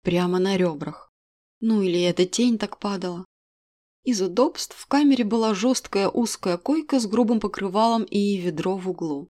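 A woman reading a first-person novel aloud in an expressive, even storytelling manner. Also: mid-range voice, normal speed. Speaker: audiobook narrator. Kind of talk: scripted first-person narration.

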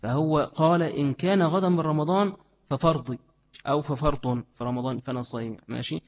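A man's voice: fairly high pitch, fairly quick, long reverb tail, highs cut off. A man with an Egyptian accent giving a religious lesson, who asks his listeners questions and answers them himself. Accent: Egyptian Arabic. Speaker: Islamic teacher.

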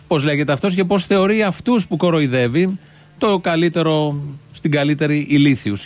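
A man hosting a satirical show, giving scornful political commentary full of rhetorical questions. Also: on the high side.

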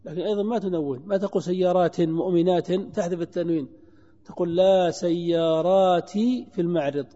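High-ish mellow guy teaching grammar, slow and repetitive, echoey muffled hall recording. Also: steady tone. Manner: slow, deliberate, repeats and quizzes students. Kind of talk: classroom lecture. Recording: dull reverberant lecture hall recording.

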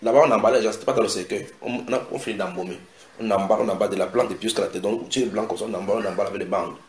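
A man preaching a sermon in a house church, animated and expressive. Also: on the low side, racing. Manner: animated preaching with acted quotes and a shouted climax. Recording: echoey room, faint noise.

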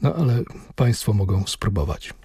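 A man's voice: lowish voice, expressive, moderate pace, dark tone, breathy edge. A man hosting a radio program, conversational and lightly joking. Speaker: radio host. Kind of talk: radio presenting.

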